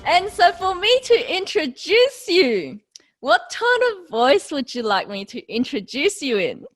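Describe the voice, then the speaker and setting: High-voiced, bubbly woman podcast host. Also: very animated, unhurried. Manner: bubbly and giggly, cheering guests in. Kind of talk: casual podcast chat.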